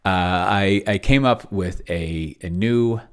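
Up close on a large desk microphone in a small home office with bookshelves, a streamer in his forties chats casually and aimlessly. His voice sits low and smooth, and he halts, wanders off topic and cuts himself off.

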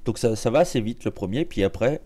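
A man giving casual live commentary on his own gameplay, joking and chatty, with a slightly sore throat that makes him clear it now and then. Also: medium pitch, animated, fairly quick, warm tone. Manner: joking, chatty, many restarts and fillers. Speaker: game streamer.

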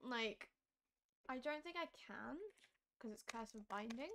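A hoarse woman who is losing her voice, chatting casually and thinking aloud while live-streaming a game. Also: on the high side, lively intonation, a little slow, a bit bright, a little hiss or hum. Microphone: streaming mic.

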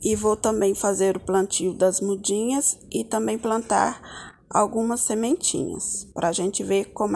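Her voice mid-range, creaky and darkish, a Brazilian woman hosts a homely gardening tutorial outdoors among potted plants in her yard. She works hands-on while chatting casually, addressing viewers as little friends.

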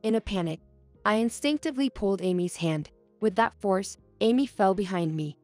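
A woman's voice: mid-range voice, lively intonation, moderate pace, darkish tone, dry recording, soft background music. Woman narrating a heartfelt story. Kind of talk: scripted first-person story narration.

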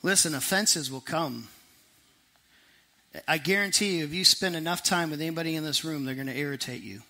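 A middle-aged man preaches to a congregation in an animated, conversational style. His voice is strikingly bright and forceful, sitting a little high. He tosses off quick asides, then slows right down to stress a point. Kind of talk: sermon.

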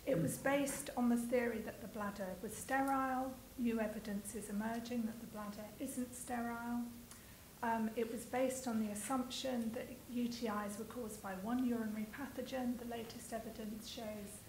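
A woman's voice: on the high side, steady tone, normal speed, a little mellow, a little hiss or hum. Earnest woman patient advocate, echoey room. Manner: earnest, emotional when speaking of her daughter. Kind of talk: panel discussion.

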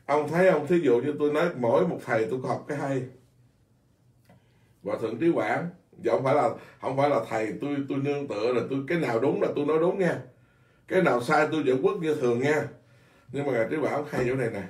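A man's voice: mid-range voice, fast, roomy sound, far from the mic. A man, a Buddhist monk, giving an informal dharma talk in a blunt, scolding way, repeating himself often. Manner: blunt, scolding, animated with many repetitions.

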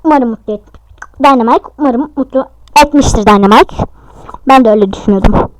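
High-voiced excitable woman gamer. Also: quick pace, a little hiss or hum. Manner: excitable, talks to herself, shrieks at close calls. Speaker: gaming YouTuber. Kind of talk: casual gameplay commentary.

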